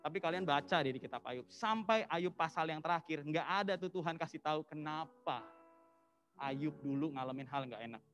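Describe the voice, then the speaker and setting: A male pastor giving a casual, lively sermon, telling the story in slang and mixing in English phrases. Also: a little high, normal speed, faint music behind. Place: church service.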